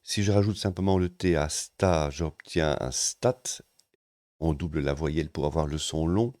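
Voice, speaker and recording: A man with a very low voice teaches grammar in a calm, methodical way, pausing now and then to find his words. The sound is dry and close, with no room around it. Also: no echo. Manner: calm, methodical, with occasional hesitations. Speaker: language teacher. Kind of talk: explanatory grammar lesson.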